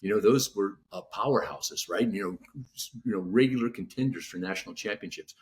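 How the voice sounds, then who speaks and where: A man from California, an author being interviewed in casual podcast talk, speaking haltingly with lots of "you know" fillers and restarts. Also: on the low side. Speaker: author guest.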